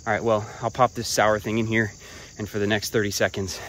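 A man vlogging hiking tips while walking a trail outdoors, relaxed and a bit profane, talking between breaths. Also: fairly low pitch, fairly quick, slight background noise. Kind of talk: casual talk while hiking. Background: crickets and insects.

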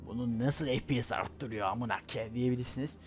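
A man giving playful gameplay commentary, rambling quickly, correcting himself mid-word and trash-talking the other players. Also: mid-range voice, soft background music. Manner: joking, trash-talking at opponents; rapid, rambling chatter with self-corrections. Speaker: gaming YouTuber.

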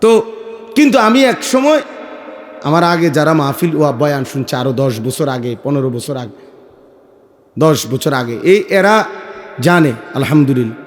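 A middle-aged male Islamic preacher with a Comilla Bengali accent, giving a waz sermon in a light voice after throat surgery, shifting from soft storytelling to loud exhortation. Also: fairly high pitch, animated, normal speed, pauses often. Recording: echoey hall, long reverb.

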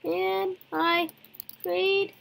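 A young-sounding gaming video host giving excited, exclamation-filled commentary and often repeating words, with game music behind. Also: very high voice, extremely slow, creaky, a little hiss or hum.

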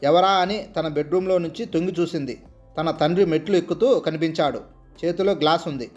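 A man with a notably high voice narrates a family drama in a steady, expressive way. Faint music plays underneath. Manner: steady, expressive reading aloud. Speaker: storyteller.

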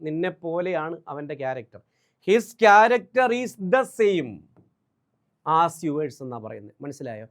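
A man with a Malayali accent giving a brisk exam-prep grammar lesson, drilling English examples slowly and repeating key points. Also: on the high side, sing-song. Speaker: English teacher.

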